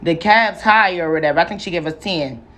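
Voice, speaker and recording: A woman's voice: on the low side, brisk, fairly bright tone. A young adult woman vlogging a casual, profane storytime, chatty and full of slang. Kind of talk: casual storytime while doing hair.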